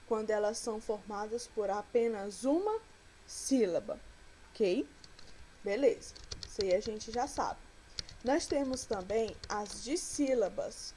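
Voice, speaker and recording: A woman teacher explains her lesson in a slightly high voice, pausing often to check that students follow. She keeps asking questions and answering them herself. A faint hiss sits under the recording. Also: mellow, rough recording. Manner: checks in with frequent "ok?" and rhetorical questions.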